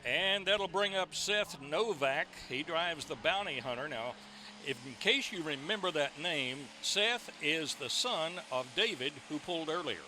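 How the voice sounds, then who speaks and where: A male tractor pull announcer presents the competition in a fairly high voice with very animated intonation. Engines and outdoor noise are clearly audible behind his play-by-play. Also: unhurried. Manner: presentational, introducing and recapping. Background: outdoor ambience and vehicle engines.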